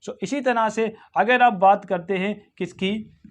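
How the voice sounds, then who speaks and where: A man with an Indian accent teaching English pronunciation in a video lesson, saying each word slowly and repeating it for practice. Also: high voice. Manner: slow, repeats words for drilling, mixes Hindi and English.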